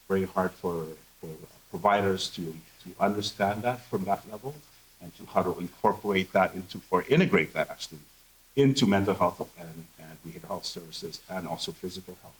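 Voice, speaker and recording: On a conference panel in a conference room, a low-voiced male behavioral health professional speaks frankly and earnestly, with lots of filler words. The audio quality is poor.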